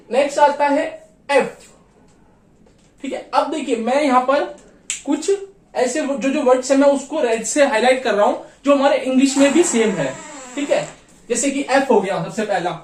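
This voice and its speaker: A man teaching a beginners' lesson, patiently repeating each sound slowly. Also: extremely high pitch, a little mellow. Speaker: language teacher. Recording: echoey room, mic far off.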